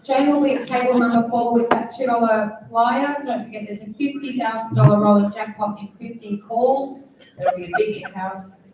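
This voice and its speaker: A woman with an Australian accent working as a bingo caller, reading out numbers and hall announcements in a measured, formulaic way. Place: large bingo hall over a PA. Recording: echoey hall PA, distant, faint rumbling noise.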